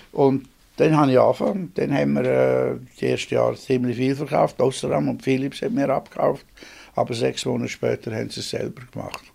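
An old man in his eighties speaks with a Swiss German accent, recalling his past in a rambling, plain-spoken interview. His voice is heavily gravelly and husky. He sits in a small home office. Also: mid-range voice, a little mellow. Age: 80s. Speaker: inventor interviewed. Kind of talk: reminiscing interview.

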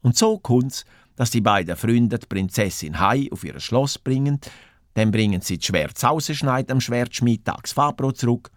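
A man reads a children's story aloud. His animated voice rises and falls at a middle pitch. The recording is dry and close. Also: normal speed, dry recording.

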